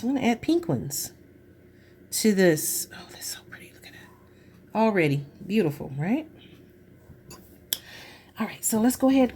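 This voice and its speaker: A woman's voice: medium pitch, a little mellow, slight background noise. A woman chatting through a crafting tutorial, gushing over her work and dropping to murmurs as she works. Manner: chatty, gushing, drops to murmurs while working. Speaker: craft vlogger.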